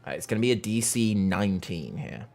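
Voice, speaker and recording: A woman's voice: a bass voice, lively intonation, brisk, a little mellow, soft background music. A woman running and narrating a tabletop role-playing game as game master.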